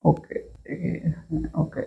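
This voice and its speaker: A young man with a Bangladeshi Bengali accent teaching a live online admission-test class, repeating each question over and over and urging viewers to comment their answers. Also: warm tone. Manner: fast, repetitive, drills each question over and over. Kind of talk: live-streamed exam prep class.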